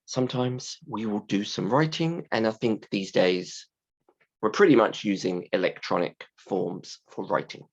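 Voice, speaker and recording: A man teaching a class in simple, deliberate, emphatic phrases, his voice hoarse, croaky and creaky from a sore throat. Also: lowish voice, dull audio. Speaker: university English teacher. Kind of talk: scripted-slide lesson explanation.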